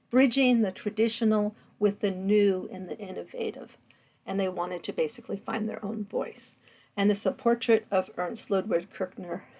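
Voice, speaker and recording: A woman lecturing on art history, with a gravelly, fry-tinged voice. She speaks in a loose, conversational way, filling pauses with ums and uhs. The recording is dull and lo-fi. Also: mid-range voice, a little mellow. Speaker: art teacher.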